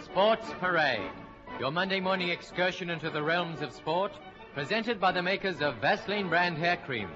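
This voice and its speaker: A man reading a brisk sponsor announcement, heard from an old archive radio broadcast. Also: high-pitched, over music. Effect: old radio show from an archive. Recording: distant, dull archive radio recording.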